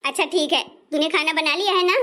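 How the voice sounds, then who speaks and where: Woman as older mother-in-law, bossy and scolding, high bright voice, comic skit. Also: fairly even intonation, a little fast. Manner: scolding, shouting, insulting.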